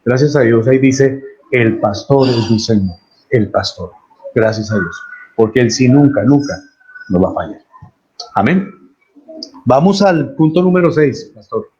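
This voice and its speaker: A man's voice: mid-range voice, animated, measured pace, pauses often, darkish tone, muffled recording. A man with a Colombian accent, a pastor preaching a sermon earnestly and repeating key phrases for emphasis.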